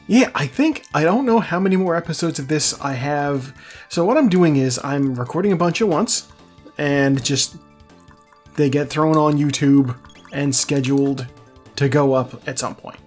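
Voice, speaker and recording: A man's voice: fairly high pitch, moderate pace, a little mellow, faint music behind. A man hosting a casual video game playthrough, rambling and correcting himself as he chats along. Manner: rambling, self-correcting, chatty. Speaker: let's play host. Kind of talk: casual gameplay commentary.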